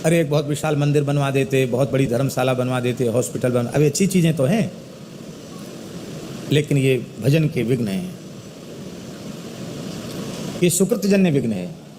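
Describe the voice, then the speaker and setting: In a voice that runs somewhat high, a middle-aged man leads a religious discourse as a spiritual teacher. He first chants the verses slowly, then unpacks them with lively emphasis, all heard through a long hall echo and a faint background noise.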